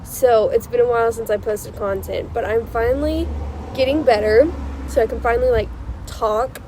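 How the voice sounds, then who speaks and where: A woman's voice: on the high side, steady tone, normal speed, dark tone, a little hiss or hum, rough recording. A young woman hosting a casual advice vlog with a stuffy nose, talking in an emphatic, insistent and reassuring way and repeating herself for emphasis. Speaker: channel host. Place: outdoors on a porch. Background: passing cars.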